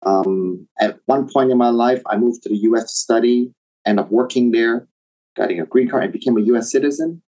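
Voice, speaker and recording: A middle-aged man from Taiwan, raised in Indonesia, speaking as an interview guest in a measured, reflective way with some fillers. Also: mid-range voice, dark tone, poor audio. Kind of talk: interview, personal background.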